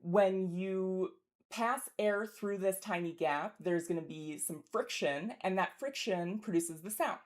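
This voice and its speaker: A woman's voice: medium pitch, a little slow. A woman teaching pronunciation as a linguist, explaining carefully and articulately and demonstrating speech sounds, with a throaty r in German example words.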